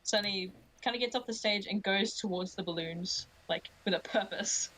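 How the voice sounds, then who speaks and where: A woman's voice: medium pitch, moderate pace, fairly bright tone, rough recording. Australian woman playing a tabletop game. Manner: playful and giggly. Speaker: player.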